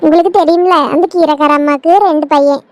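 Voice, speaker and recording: A woman's voice: high voice, steady tone, fast talker, a little mellow, no room sound, pitched below the performer's own voice, natural voice. A woman voicing a young wife in a cartoon, chatty and grumbling. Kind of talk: cartoon comedy voice acting.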